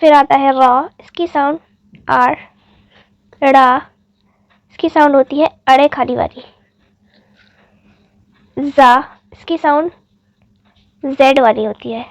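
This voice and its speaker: Woman teacher going thru the alphabet letter by letter, high voice, super slow, dry close sound. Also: dry recording. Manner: spells out letters one by one, patient and deliberate. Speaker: Urdu teacher.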